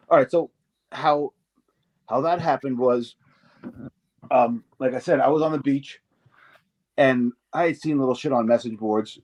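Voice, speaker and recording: A man's voice: medium pitch, a little mellow, poor audio. A middle-aged man in an interview, telling stories in a rambling way, swearing freely and acting out the voices of people he quotes. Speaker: interview guest, former wrestler. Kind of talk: casual storytelling.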